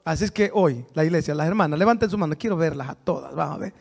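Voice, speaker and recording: A male pastor preaching a sermon in a church, telling stories and swinging between quiet asides and loud, urgent exhortation. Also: on the high side, fast, gravelly, breathy edge.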